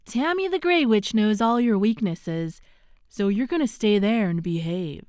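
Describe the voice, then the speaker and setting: Woman playing a sassy, animated witch. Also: medium pitch, a little slow, clear, resonant tone, dry recording, studio quality, close to an everyday voice. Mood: taunting, threatening. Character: bossy, confident female witch. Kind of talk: animated web series voice acting.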